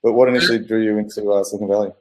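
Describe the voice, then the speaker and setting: A man's voice: on the low side, fairly even intonation, rapid-fire. A man hosting a podcast, asking long rambling questions with many fillers in a casual interview. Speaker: podcast host.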